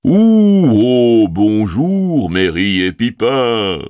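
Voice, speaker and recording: A man voicing an ancient giant male tree-creature in an audiobook, with a booming, deep voice and slow, drawn-out speech. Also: wildly swooping pitch, vocal fry, darkish tone, no echo, clean studio sound, heavily acted. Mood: hearty. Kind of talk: audiobook character voice.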